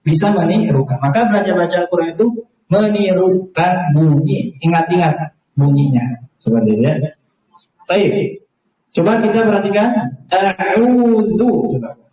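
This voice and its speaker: A man's voice: high-pitched, animated, moderate pace, pauses often, dark tone. A man teaching adults to recite the Quran, patiently asking the class questions and modeling the Arabic sounds for them to repeat. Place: large echoey hall. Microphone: far from the mic. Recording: very echoey, distant hall recording.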